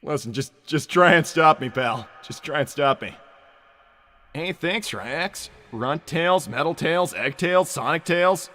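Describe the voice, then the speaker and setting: A man voicing a cocky, easygoing young hedgehog hero in a casual, brash, halting way, improvising in character on a livestream. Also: on the high side, expressive, sharp tone.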